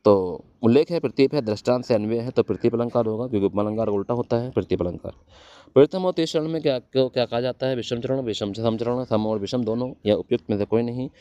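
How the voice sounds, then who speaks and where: A man's voice: mid-range voice, fast talker, mellow, muffled recording. A man teaching Hindi for exam prep, quizzing his students and answering his own questions.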